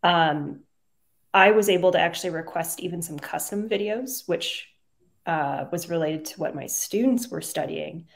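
A young adult woman, a middle school science teacher, giving earnest testimonial answers over a video call, with frequent pauses and "um"s. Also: lowish voice, vocal fry. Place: home room with plain wall. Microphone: video call webcam.

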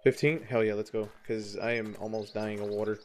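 A man's voice: fairly low pitch, little pitch movement, a little fast, noisy background. A young man chatting casually and swearing while gaming with friends. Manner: goofy, laughing, swearing. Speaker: gamer streaming with friends.

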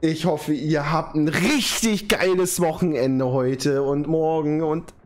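A young man streaming from home, overjoyed and slangy, his voice trembling with excitement. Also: on the high side, takes it slowly. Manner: overjoyed, slangy, constant exclamations. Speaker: live streamer. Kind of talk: excited live stream reaction. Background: music.

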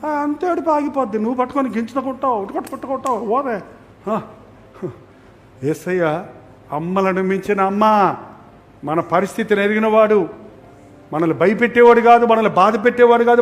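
Male pastor, high voice, dramatic loud-soft preaching, reverberant hall. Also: fairly quick. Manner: dramatic swings between loud emphasis and soft near-whispers. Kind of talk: sermon.

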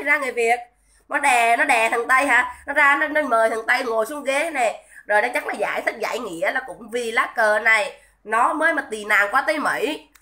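A woman's voice: fairly high pitch, bright, forceful tone. A woman, ranting on a livestream in a scolding, indignant, repetitive way and greeting viewers between tirades. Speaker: livestream commentator. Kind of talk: livestream rant.

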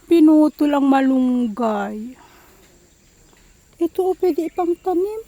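A woman's voice: high voice, lively intonation, slow pace, dark tone, dry recording. A woman chatting to her viewers in a casual vlog while walking outdoors and gathering vegetables. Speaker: vlogger. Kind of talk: casual cooking and garden vlog.

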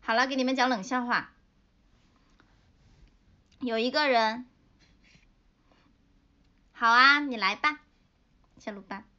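Giggly young woman livestreaming, bright lo-fi. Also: a little high. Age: 20s. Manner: giggly, playful, tells a joke haltingly. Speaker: livestream host. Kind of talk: casual livestream chat with fans. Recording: dull lo-fi livestream audio.

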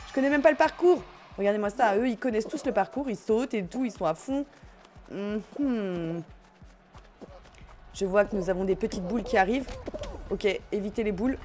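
Excitable woman streamer, mellow voice. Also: medium pitch. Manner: excitable, laughing, self-mocking. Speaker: gaming streamer. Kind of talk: live let's play commentary. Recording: faint game music behind.

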